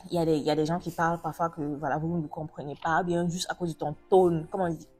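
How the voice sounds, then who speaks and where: A woman's voice: low-pitched, flat delivery, fast, dark tone, husky, faint music behind. A woman from Africa hosting a casual interview, chatty and asking long, rambling questions. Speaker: host.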